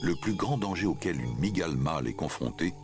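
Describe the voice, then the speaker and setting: A man's voice: low-pitched, expressive, fairly quick, over music. A man reading scripted narration for a nature documentary.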